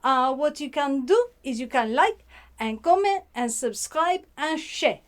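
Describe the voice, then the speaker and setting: A woman hosting a casual book review vlog, slipping words into her talk and pausing often on fillers. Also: sits high, lively intonation. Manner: sprinkles French words, halting with many fillers.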